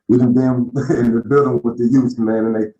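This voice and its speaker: A man's voice: medium pitch, level tone, a little fast, warm tone, muffled recording. A man moderating a panel call, talking casually with repeated words.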